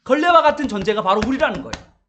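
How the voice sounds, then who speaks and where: A man's voice: very high-pitched, big pitch swings, racing, fairly bright tone, slight background noise. A male pastor giving a morning Bible sermon, asking the congregation rhetorical questions.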